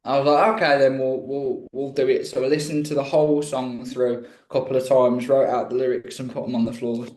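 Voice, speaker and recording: A man's voice: medium pitch, little pitch movement, fairly quick, hardly any pauses, a little mellow. A talkative man from Birmingham, England, telling his story in a casual interview. His speech rambles and he pokes fun at himself. The sound is roomy and echoey. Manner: chatty, rambling, self-deprecating. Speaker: guest musician.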